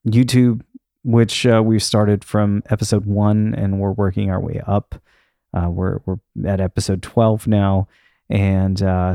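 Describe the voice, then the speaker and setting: Man, solo podcast host, mellow smooth voice, casual, hesitant, thinking aloud. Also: lowish voice, dry recording, clean studio sound. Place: untreated room in his house.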